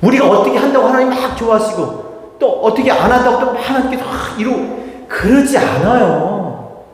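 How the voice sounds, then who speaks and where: A man's voice: very high-pitched, moderate pace. A male pastor preaching, leading the congregation in reading and asking many rhetorical questions. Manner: animated, full of rhetorical questions. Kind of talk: sermon with congregation reading aloud. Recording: echoey hall with faint noise.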